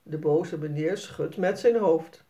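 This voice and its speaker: A woman reading a children's picture book aloud, slowly, clearly and expressively. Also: deep voice, warm tone. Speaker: storyteller.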